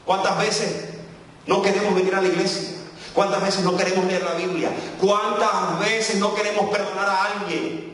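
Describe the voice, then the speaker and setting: A man's voice: steady tone, normal speed, a bit bright. A man from El Salvador with a Salvadoran Spanish accent, preaching a fervent Pentecostal sermon as a guest preacher, calling out to the congregation. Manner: fervent, calls out to the congregation, sweeping pitch. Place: church sanctuary. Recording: echoey church hall, distant mic.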